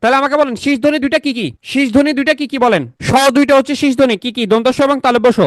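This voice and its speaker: A man's voice: very high voice, fairly even intonation, quick pace, no echo. A man teaching a grammar class in a casual, chatty tone, repeating key points and quizzing his students. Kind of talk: online exam-prep lecture.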